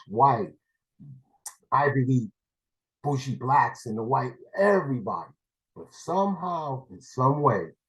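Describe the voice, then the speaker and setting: A man's voice: on the low side, low-quality recording. A man from New City, giving a rambling, blunt public comment over a video call as a parent. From New York City.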